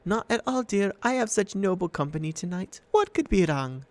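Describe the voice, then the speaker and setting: A man's voice: sits high, big pitch swings, normal speed, no echo, pitched above the performer's own voice. A man voicing a sweet-voiced old female monster with a purring, coaxing manner in an audiobook. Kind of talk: audiobook character voice.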